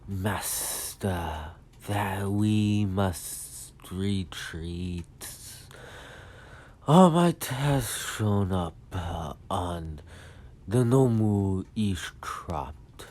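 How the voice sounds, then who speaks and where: A man voicing a formal, solemn male villain underling who speaks slowly and stiffly. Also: low-pitched, expressive, darkish tone, heavily acted.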